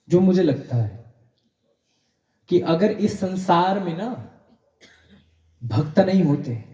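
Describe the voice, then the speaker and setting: A man's voice: on the high side, dark tone, recorded from a distance, dull audio. Male preacher in an echoey hall. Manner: emphatic, addresses audience directly. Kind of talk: devotional sermon storytelling. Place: satsang hall. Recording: echoey room.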